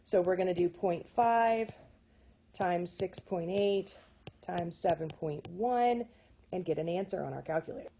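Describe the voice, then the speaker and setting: A woman's voice: on the low side, a little slow, warm tone. Chatty woman teaching a math lesson. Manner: chatty, self-correcting, checks in with "okay?".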